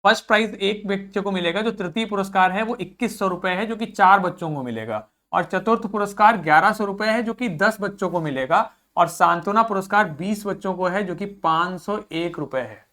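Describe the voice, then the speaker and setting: In a friendly video lesson for school students, a young man slowly drills pronunciation, saying each word several times and calling the students children. His voice is high-pitched, bright and forceful.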